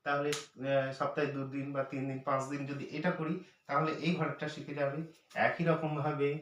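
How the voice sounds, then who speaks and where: A man teaching children's number names as a lesson, speaking patiently and repeating each number slowly. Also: mid-range voice. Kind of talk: math lesson for parents and teachers. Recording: echoey room, voice from far off.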